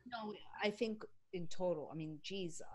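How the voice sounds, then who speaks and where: Blunt chatty woman guest, talks fast with asides, podcast interview. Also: fairly low pitch. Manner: blunt, animated, quick asides. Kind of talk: casual conversational interview.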